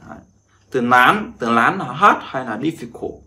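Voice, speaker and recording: A man's voice: mid-range voice, lively intonation, bright, forceful tone. A man teaching a casual vocabulary lesson, chatting and drilling words again and again. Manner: repeats words in drawn-out drills, chatty asides. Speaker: Chinese language teacher.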